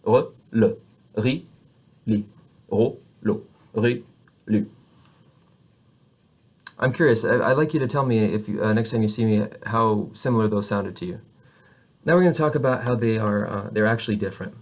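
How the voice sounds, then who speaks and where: A man teaching French pronunciation to camera, patiently showing each sound slowly with frequent restarts. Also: lowish voice. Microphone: camera facing the speaker.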